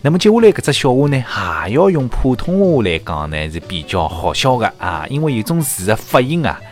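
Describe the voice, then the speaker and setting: A man's voice: mid-range voice, fairly quick, soft background music. A man with a Shanghainese accent hosting a joke-telling show, mixing Shanghainese and Mandarin and laughing at his own punchlines. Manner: lively, switches between Shanghainese and Mandarin, laughs at own jokes. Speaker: radio-style comedy host.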